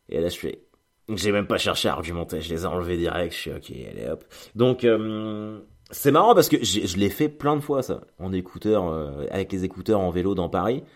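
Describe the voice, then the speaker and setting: Deep-voiced chatty man telling a story. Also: darkish tone. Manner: chatty, rambling, with many fillers and restarts, acts out dialogue. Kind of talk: casual storytelling monologue.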